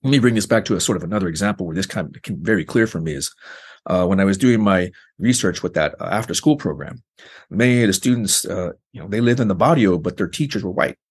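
Male researcher guest, quick and husky, explanatory, filler-heavy conversational delivery. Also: sits low. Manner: explanatory, frequent fillers like "like" and "you know". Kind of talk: conversational interview.

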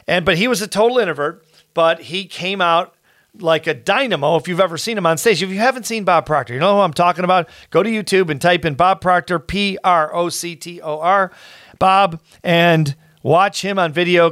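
A man's voice: a little high, dry recording, clean studio sound. Earnest man telling a story. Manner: earnest, animated, with frequent restarts. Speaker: podcast host. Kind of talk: casual storytelling.

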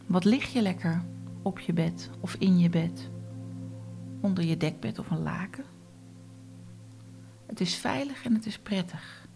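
A woman guiding a relaxation meditation, speaking softly and often in a whisper. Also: lowish voice, vocal fry, faint music behind. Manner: slow, soft, often whispered instructions. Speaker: meditation guide.

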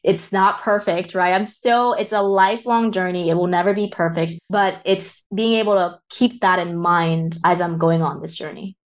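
A woman's voice: on the low side, fairly even intonation, normal speed, few pauses, highs cut off. A woman coach as a podcast guest, speaking earnestly and reflectively about her growth. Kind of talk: reflective interview talk.

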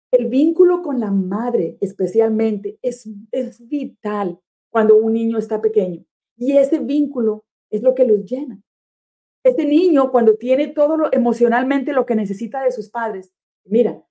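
A woman hosting a live stream, speaking earnestly and affectionately about parenting and family connection, now and then slipping in English words. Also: a little high. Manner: warm, affectionate, preachy encouragement.

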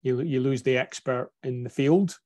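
A man with a broad Scottish accent talking reflectively in a podcast discussion, building his points in measured lists. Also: mid-range voice, a little mellow.

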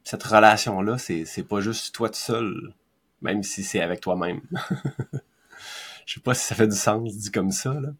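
Man, Québécois accent, husky tone, lowish pitch, reflective podcast talk. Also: unhurried, long pauses. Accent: Québécois French. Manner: thoughtful, hesitant, with soft laughs. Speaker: podcast co-host. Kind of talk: casual reflective chat.

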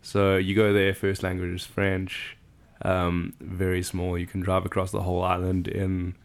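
A man's voice: sits low, monotone, a little slow. A man from South Africa, a podcast guest chatting casually and laughing easily about his background. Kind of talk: casual chat. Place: cabin.

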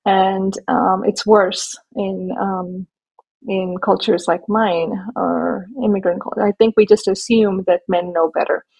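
A woman from India and Nigeria, talking thoughtfully as an interview guest with many small pauses and restarts. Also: mid-range voice, flat delivery, darkish tone, muffled recording. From born in India, raised in Nigeria. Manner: thoughtful, measured, with frequent fillers and restarts. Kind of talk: interview conversation.

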